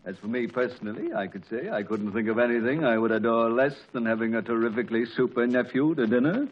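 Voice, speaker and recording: A man's voice: mid-range voice, quick pace, lightly acted. Man acting a wry 1940s radio father, muffled. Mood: wry grumbling. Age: middle-aged. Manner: dry, mock-formal sarcasm. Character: wry, teasing, grumbling middle-aged family father.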